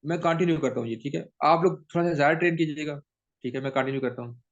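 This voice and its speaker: A man's voice: fairly high pitch, very fast. A man teaching a training session, mixing English into his explanations and often checking with "theek hai?". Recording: dull lo-fi recording.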